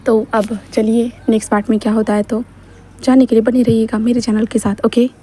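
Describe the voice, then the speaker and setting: Female storyteller, casual chatty narration, fast, slightly husky voice. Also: on the high side, flat delivery, warm tone. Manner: chatty, fillers and mixed-in English words.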